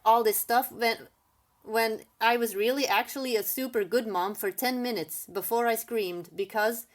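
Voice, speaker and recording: A woman guest in a casual chat, telling a personal story in an earnest way with halting restarts. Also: fairly high pitch, fairly even intonation.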